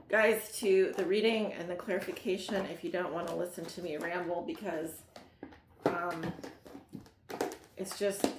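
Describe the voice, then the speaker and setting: A woman with a Mid-Atlantic Maryland accent and a voice on the low side gives a casual tarot reading, rambling with lots of fillers and laughing at herself. The sound is roomy, with heavy background noise.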